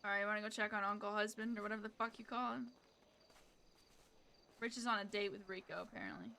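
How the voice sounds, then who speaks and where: A woman's voice: medium pitch, fairly even intonation, fast talker, gravelly, pushed and bright, a little hiss or hum. A woman streamer playing a blunt, teasing mother who laughs often in a casual role-play chat. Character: teasing, swearing mother of a grown daughter.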